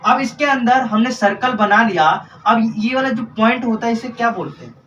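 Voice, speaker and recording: A man's voice: very high voice, normal speed, a bit bright, far from the mic, muffled recording, a little hiss or hum. A male tutor teaching a live class, asking questions and repeating the answers. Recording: echoey room, recorded from afar.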